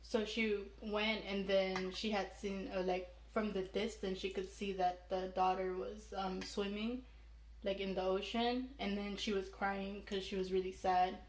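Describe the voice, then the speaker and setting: A woman's voice: medium pitch, flat delivery. Young woman storyteller, roomy echo. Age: young adult. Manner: halting, rambling, self-correcting delivery. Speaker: mukbang vlogger telling a folk legend. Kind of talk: casual storytelling. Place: small room indoors, seated at a table. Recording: roomy echo, background noise.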